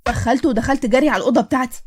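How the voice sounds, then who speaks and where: A woman with an Egyptian Arabic accent narrating a cartoon story and voicing every character in an animated way. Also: high-pitched, husky. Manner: rapid, animated, switches between characters.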